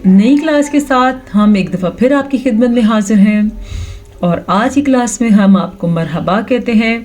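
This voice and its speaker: A woman teaching Quran recitation with tajweed, patiently explaining each rule step by step and drawing out the recited verses very slowly. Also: fairly high pitch, a little mellow. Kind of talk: tajweed lesson with slow recitation.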